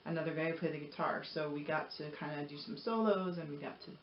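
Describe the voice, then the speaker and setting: Low-pitched and quick, this woman rambles earnestly and encouragingly to her viewers in the style of a motivational vlogger. It's casual personal talk, and the recording is noisy, dull and lo-fi with a roomy echo.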